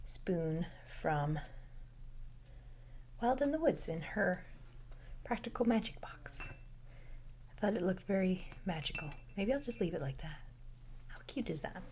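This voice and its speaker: A young woman hosting a casual knitting podcast from home, speaking softly and often dropping to a near-whisper. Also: lowish voice, slight background noise. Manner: soft-spoken, drifting into near-whispers.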